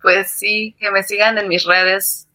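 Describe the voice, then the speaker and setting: Young female podcast guest, bright voice, unhurried, dry recording. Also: medium pitch, flat delivery, no echo. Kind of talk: casual podcast chat.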